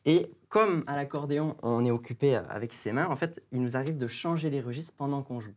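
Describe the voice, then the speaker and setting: A man's voice: mid-range voice, brisk, a little mellow. Eager young-sounding male accordionist explaining. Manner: eager, explanatory, many fillers. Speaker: accordionist guest. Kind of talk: casual explanation.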